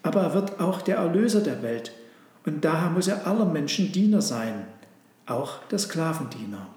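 A man doing gentle young mother Maria. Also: on the high side, sing-song, moderate pace. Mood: calm. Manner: soft and pleading. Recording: roomy echo.

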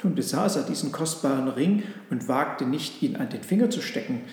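A man narrating a storybook aloud in a calm, measured reading. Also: medium pitch. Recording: very echoey room with long reverb.

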